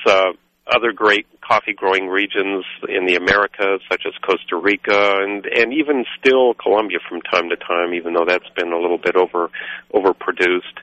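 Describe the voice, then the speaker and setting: A man from Guatemala, a coffee roaster and radio guest, talking in a rambling, halting way with many fillers. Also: deep voice, bright, forceful tone. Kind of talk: radio interview. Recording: dull lo-fi radio sound.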